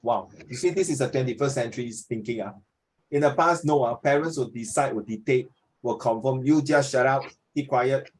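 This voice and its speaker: A man in his fifties with a Singaporean accent runs a casual class discussion at a moderate pace in a mid-range voice, frequently repeating points and asking questions to check understanding.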